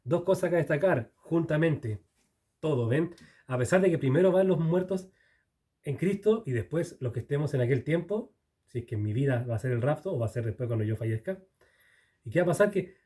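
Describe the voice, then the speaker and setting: Working verse by verse through a Bible passage, this preacher speaks in a fairly high, warm voice. He keeps things conversational, quizzing the listeners and often stopping to correct himself.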